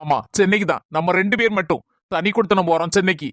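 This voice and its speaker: Coaxing young husband with a Kanyakumari accent, brisk delivery, played by a woman. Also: on the low side, a little hiss or hum, natural voice. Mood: serious. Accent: Kanyakumari Tamil. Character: young husband, calm and teasing.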